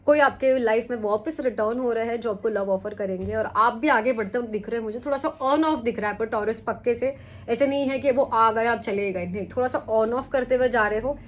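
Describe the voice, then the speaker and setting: A woman's voice: fairly high pitch, fairly quick. A young adult woman doing a casual weekly tarot reading, chatty, mixing English into her talk and checking in with the listener often. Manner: chatty, mixes English into Hindi, repeats "ठीक है?". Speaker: tarot reader.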